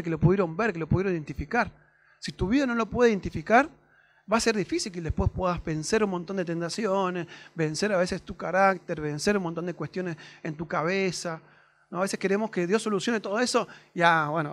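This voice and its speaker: Young Rioplatense man, high voice, casual testimony-style sermon. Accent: Rioplatense Spanish. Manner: conversational testimony, many fillers and tag questions. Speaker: preacher.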